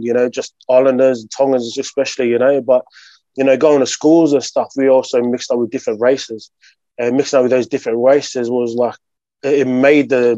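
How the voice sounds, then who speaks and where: A guest from Sydney talks in a laid-back way during a casual interview, his Australian-accented speech full of "you know" and "bro." His voice is medium-pitched and dark, captured in a dry recording with the highs cut off.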